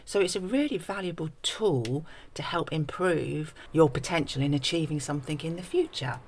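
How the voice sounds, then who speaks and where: A woman's voice: deep voice, normal speed, darkish tone. A woman co-hosting a podcast in a conversational way, giving encouraging, practical advice like a life coach.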